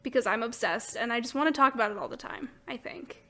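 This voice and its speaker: A woman hosting a podcast chats about books and shows in a gushing, enthusiastic way. Her voice is on the high side and quick, with a crowd audible in the background.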